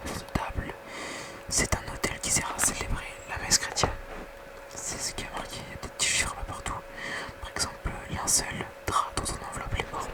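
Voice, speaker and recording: Super quiet night-time whisper, asmr bedtime poetry reading, all soft and breath only. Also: normal speed, low-quality recording. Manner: hushed bedtime reading with casual whispered asides. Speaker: ASMR reader.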